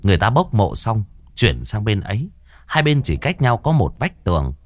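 A man's voice: on the low side, big pitch swings, moderate pace. A man narrating a horror story vividly.

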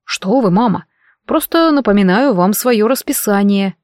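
A woman's voice: medium pitch, expressive, normal speed, a little mellow, no echo, studio quality, lightly acted. A woman voicing a stern grown male emperor who gives curt, firm commands in an audiobook. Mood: cold.

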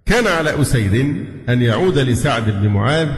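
An Egyptian sheikh teaches at a measured pace and pauses on drawn-out fillers. He sounds stern as he corrects language. His voice carries a long reverb from a large, echoey hall. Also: medium pitch, lively intonation. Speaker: sheikh giving a religious lesson. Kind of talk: religious lesson mixing classical narration and colloquial asides.

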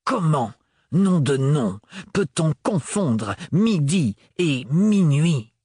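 A man's voice: a little high, big pitch swings, extremely slow, warm tone, breathy edge, no room sound, clean studio sound, voice pushed up, heavily acted. A man reading an audiobook, voicing a stern, distant man with hard intonation. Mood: angry.

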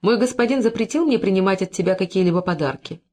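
A modest young woman, as an audiobook reader puts her on, speaking softly and holding back. Her refusals come low and restrained, a quiet storybook heroine. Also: expressive, quick pace, natural voice. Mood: reluctant. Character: shy, virtuous young woman.

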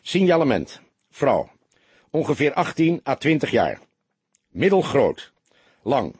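A man's voice: mid-range voice, sing-song, moderate pace, a little mellow, husky, no echo. A man voicing a weary middle-aged police detective who speaks tersely and with dry sarcasm, barking out notes. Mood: dictating.

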